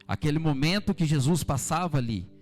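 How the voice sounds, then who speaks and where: High-voiced Brazilian preacher exhorting fervently. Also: male voice, expressive, fairly quick, soft background music. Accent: Brazilian Portuguese. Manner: fervent, repetitive exhortation addressing the congregation. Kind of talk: evening church sermon. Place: church service.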